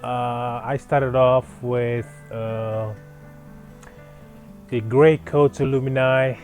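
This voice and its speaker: A man's voice: mid-range voice, little pitch movement, very slow, a little mellow, soft background music. A man from Fiji, a clothing brand founder, answering interview questions in an earnest, proud way with many fillers and restarts.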